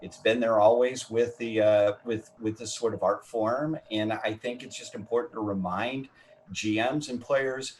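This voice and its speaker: A man's voice: on the low side, fairly even intonation, measured pace, a little mellow, a little hiss or hum. An older man speaking reflectively and reassuringly as a panelist. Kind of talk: panel discussion.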